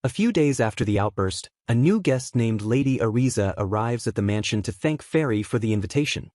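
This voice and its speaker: A man giving scripted recap narration in a steady, even storytelling delivery. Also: medium pitch, fairly quick, no echo, studio quality.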